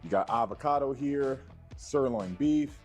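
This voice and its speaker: Man, bodybuilding vlog narration, audio in the left ear only, matter-of-fact, medium pitch, faint music. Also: a little slow, darkish tone. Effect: audio heard in the left ear only. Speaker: bodybuilding vlogger. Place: played from a video inside a livestream.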